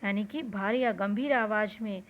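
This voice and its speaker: A woman's voice: mid-range voice, normal speed, dull audio. A woman teacher explaining a story lesson to students, glossing words and repeating lines. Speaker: school teacher.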